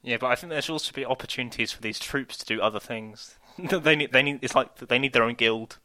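Jokey man with a bright voice. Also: medium pitch. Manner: jokey, quick with absurd quips. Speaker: podcast guest. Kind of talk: casual chat.

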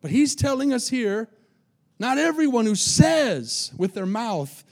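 A man's voice: extremely high pitch, big pitch swings, measured pace, vocal fry. A man preaching a sermon as pastor, emphatic and repetitive, often checking that the congregation is following.

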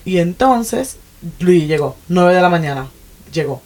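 A woman's voice: fairly low pitch, a little slow. A woman, chatting animatedly as a podcast co-host, often correcting herself mid-sentence. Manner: animated, self-correcting, frequent "o sea". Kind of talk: casual chat.

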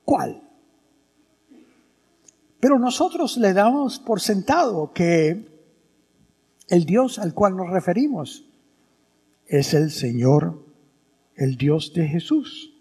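A male priest preaching a sermon. His dark, gravelly voice rises and falls in lively swings, and a long church reverb trails each phrase. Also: high-pitched, slow pace, pauses often. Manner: animated, teaching with rhetorical questions.

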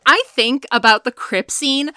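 A young woman gushes in a casual fan chat, laughing often and swearing freely. Her voice is bright and a little high, recorded dry and close with no room sound around it. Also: unhurried, no echo.

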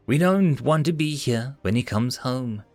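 A man voicing a cautious, wary young female explorer in a low-key way. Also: animated, unhurried, a little mellow, no room sound, soft background music, close to an everyday voice.

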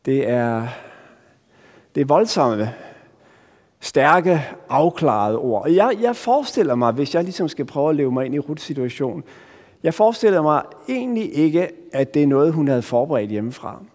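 A Danish male pastor preaching in an earnest, searching way, doubling back on words and leaning on pauses. His voice sits a little higher than most men's. A long church reverb trails after every phrase. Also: sing-song, darkish tone. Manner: earnest, searching, with frequent restarts and emphatic pauses. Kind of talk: sermon.

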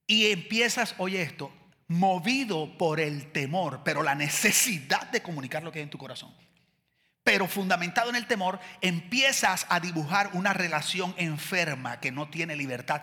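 A male preacher, speaking in a high, bright voice. He talks to the congregation casually, with slang and playful asides. A long reverb trails off his words in the hall. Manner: animated, conversational, uses slang and playful asides. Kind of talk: sermon.

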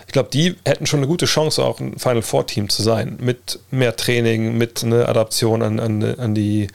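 A man's voice: medium pitch, steady tone, moderate pace, gravelly. A man chatting casually as a livestream host, answering viewers in a colloquial way peppered with English slang and sports terms. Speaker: livestream host and basketball podcaster. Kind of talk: casual livestream chat answering viewer questions about basketball.

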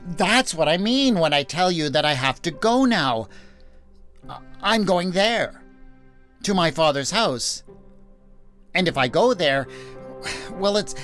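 A man's voice: sits high, very animated, fairly bright tone, soft background music, voice pushed up, full character voice. A man voicing a nervous, earnest young man in love, who stammers and halts as he speaks. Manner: stammering, halting.

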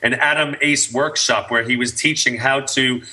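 A man's voice: medium pitch, steady tone, normal speed, pushed and bright, poor audio. A man hosting a show in casual, chatty talk with an enthusiastic, jokey manner. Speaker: host of a business coaching show.

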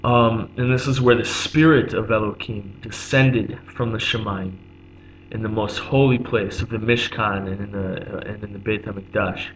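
A man teaching an unscripted religious lesson, pausing often on "um", repeating himself and glossing each Hebrew term in English. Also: lowish voice, steady tone. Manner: halting, many "um"s, repeats and glosses terms. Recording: dull lo-fi recording with faint hum.

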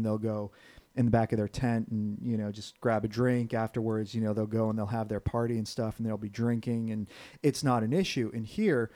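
Mellow-voiced male host. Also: lowish voice. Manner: hesitant, lots of fillers. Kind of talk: casual discussion.

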